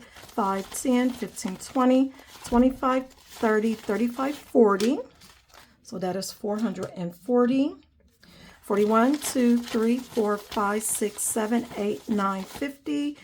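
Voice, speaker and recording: A young woman hosts a budgeting vlog, chatting casually, counting cash aloud, and calling her viewers "guys" in a friendly way. Her voice is a little high with a darkish tone and sounds nasal from a cold. The recording is rough, with a bit of hiss or hum.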